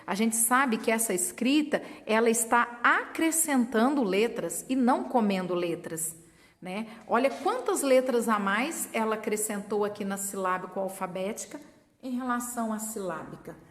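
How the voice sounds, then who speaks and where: A woman's voice: a little high, animated, normal speed. Brazilian woman teacher sounding out syllables. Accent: Brazilian Portuguese. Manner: patient, sounds out words syllable by syllable. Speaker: teacher trainer. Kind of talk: instructional explanation to teachers. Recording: long reverb.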